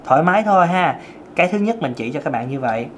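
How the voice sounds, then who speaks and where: A man from Vietnam teaches singing in a relaxed, talkative way, joking about himself and modeling scales in his thin, light tenor. The voice is high-leaning, expressive and quick, with a fairly bright tone. Faint music plays behind him.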